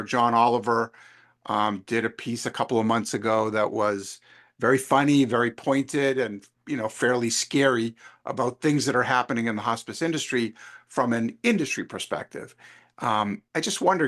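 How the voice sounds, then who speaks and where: A man hosting a conversational interview, thinking aloud in a measured, discursive way. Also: mid-range voice, a bit bright. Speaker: podcast interviewer.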